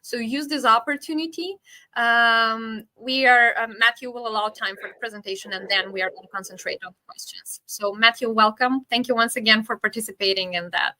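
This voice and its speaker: Cheery webinar host lady, bright clear voice, lots of ums, sounds like a video call. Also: a little high, brisk, poor audio. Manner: upbeat, welcoming, with filler words. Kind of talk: live webinar hosting.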